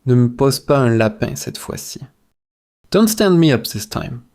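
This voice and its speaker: A slightly mellow, sing-song man of medium pitch reads language drills as a teacher. He moves phrase by phrase in a measured, repetitive manner meant for shadowing practice.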